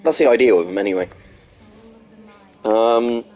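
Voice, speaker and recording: Speaking at a measured pace in a darkish, medium-pitched voice, a man chats with his stream audience as he plays a game. A mild sore throat and stuffy nose come through, and his talk wanders, full of hesitations, ums, and false starts as he answers viewers between play comments.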